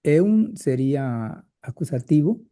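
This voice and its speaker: Man, student, video call, hesitant, slow speech, very dark tone. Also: a little high, very animated. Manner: hesitant, many "eh" and "ok" fillers. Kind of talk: reading and translating in class.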